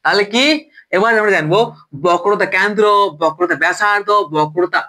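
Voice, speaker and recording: High, bright-voiced young man tutoring. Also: brisk. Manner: chatty, keeps asking the listener questions; self-correcting, stumbles over terms. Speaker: science tutor. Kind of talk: informal class explanation.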